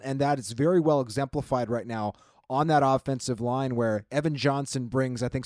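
A male co-host of a sports talk show speaking in a casual, conversational way. He often repeats a word or two as he gets going. His voice sits at a middle pitch, and the recording sounds dry and close. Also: darkish tone, no room sound. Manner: conversational, repeats words when starting a thought.

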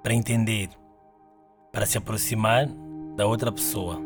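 A man hosting a guided meditation, in a soothing, unhurried and instructional way. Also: fairly low pitch, steady tone, music in the background. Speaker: host guiding a meditation.

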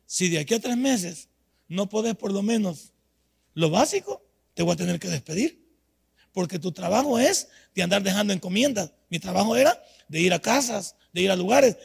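An older man delivers a storytelling sermon. His voice sits high and sounds deeply gravelly and husky. He drops to near murmurs, then rises to loud shouts. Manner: storytelling, swings from quiet to shouting. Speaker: pastor.

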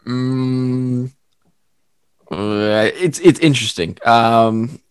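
A young podcast co-host chats casually in a medium-pitched, smooth voice, drawing out his words. He laughs often while telling animated stories, captured in clean studio sound without echo.

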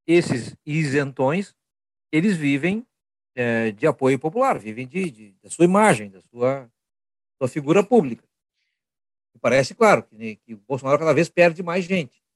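A man's voice: on the high side, expressive, measured pace, no echo. A man in a casual podcast chat, arguing firmly and repeating his points for emphasis. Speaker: podcast co-host.

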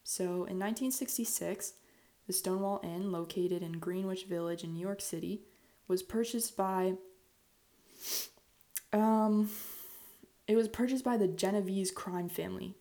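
A woman's voice: mid-range voice, steady tone, a little slow, pauses often, mellow. A woman hosting a podcast, narrating history in a conversational, semi-scripted way with informal asides, recorded in a bathroom on an earphone mic. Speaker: podcast host. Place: small bathroom, indoors. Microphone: earphone headset microphone.

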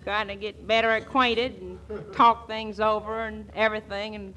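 A woman's voice: mid-range voice, level tone, moderate pace, sharp tone, close to an everyday voice. A woman playing a naive, eager, lovestruck young country woman with a rural American accent and gushing, folksy, hesitant talk in old-time comedy. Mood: shy, eager. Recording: noisy old comedy soundtrack.

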